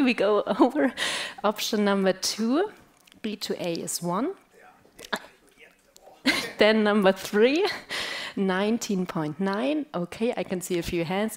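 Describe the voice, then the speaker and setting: A woman giving a conference presentation, running an audience quiz and laughing often as she talks. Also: mid-range voice.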